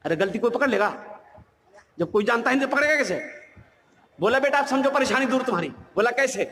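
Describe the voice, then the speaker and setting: A man's voice: very high-pitched, quick pace. A man preaching, telling a humorous story in a sermon and acting out the voices of its people. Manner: animated, acts out voices, shouts at times.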